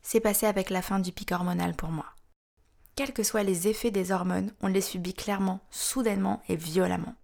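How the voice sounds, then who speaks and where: A woman's voice: medium pitch, fairly even intonation, brisk, vocal fry, darkish tone. A woman in her thirties hosting a podcast, reading scripted narration in a frank, wry, confiding way. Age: 30s. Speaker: podcast host.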